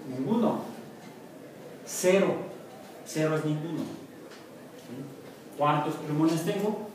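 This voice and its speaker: A Mexican man gives a university math lecture, joking and quizzing his students as he goes. His voice sits a bit high, heard from across a very echoey classroom with clear room noise behind it. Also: distant mic. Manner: jokey, asks the class questions.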